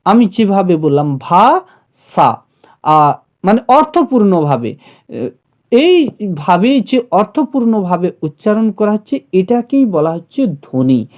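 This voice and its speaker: A man giving an exam-prep lecture, explaining slowly with many fillers and pauses. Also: sits high, big pitch swings, a little mellow. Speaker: teacher.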